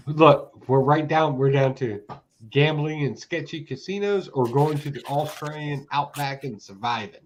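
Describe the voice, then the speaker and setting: Hosting a casual chat, a man in his forties sounds hyped and eggs the others on. His pitch is fairly high and his pace a little slow, and the recording has a dull lo-fi quality with faint noise.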